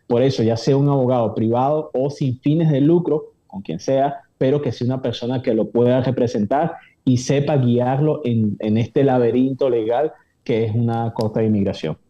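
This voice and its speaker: A man, an immigration lawyer, explaining legal steps in a measured way with frequent hesitation fillers. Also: mid-range voice, fairly even intonation, mellow. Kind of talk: explanatory interview answers. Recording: dull lo-fi audio.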